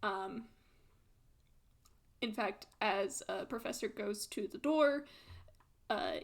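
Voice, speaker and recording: A woman running a tabletop game, improvising narration in a hesitant, halting way. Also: medium pitch. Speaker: game master.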